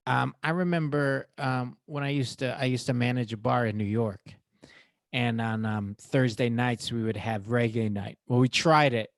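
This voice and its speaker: A man in his thirties talks casually as a podcast co-host, loose and joking with plenty of swearing. His voice sits at a middle pitch and sounds close and dry, with no room behind it. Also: steady tone, normal speed, vocal fry, no echo. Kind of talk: casual chat. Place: home.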